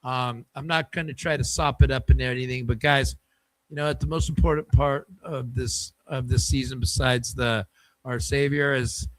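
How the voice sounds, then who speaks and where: A podcast host chats about sports in a loose, rambling, friendly way and signs off for the holidays. His voice sits at a medium pitch, and the rough recording has no room sound.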